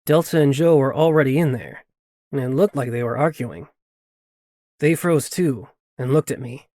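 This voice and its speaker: A man narrating a fantasy audiobook in the first person, steady and even in his storytelling. His voice sits at a middling pitch, recorded dry and close with no room sound. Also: moderate pace, dry recording.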